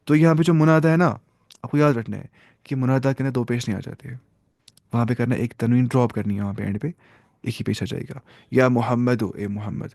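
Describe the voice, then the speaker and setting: A man teaches a grammar lesson at a mid-range pitch. He drills short phrases slowly, repeats them and asks the listener to answer. The recording is close and dry, with no room sound. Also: creaky, a little mellow, dry recording. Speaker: Arabic teacher. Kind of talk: grammar lesson, mixing Urdu, Arabic and English.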